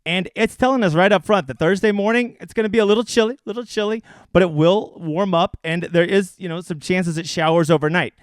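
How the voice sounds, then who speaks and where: Man, fantasy sports streamer, casual and crude, slightly high voice, dry sound. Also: brisk, few pauses, no echo. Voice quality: crude, joking and animated. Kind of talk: casual livestream breakdown.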